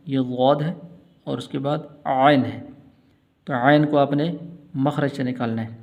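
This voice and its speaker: A man teaching Quran recitation, chanting verses melodically and then explaining pronunciation rules in quick plain speech. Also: fairly high pitch, a little mellow. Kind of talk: tajweed lesson, recitation with explanations. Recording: dull lo-fi sound.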